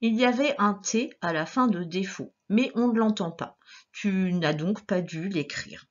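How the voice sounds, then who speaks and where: A woman teacher giving a dictation lesson to young children, sounding out each syllable slowly and clearly. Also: medium pitch, dull audio. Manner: slow, clearly articulated syllables with gestures.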